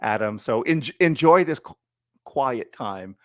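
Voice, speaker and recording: A man's voice: mid-range voice, lively intonation, measured pace, no echo, studio quality. A man hosting a business interview podcast, chatty and joking, with frequent fillers and restarts. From Ottawa. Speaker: podcast host.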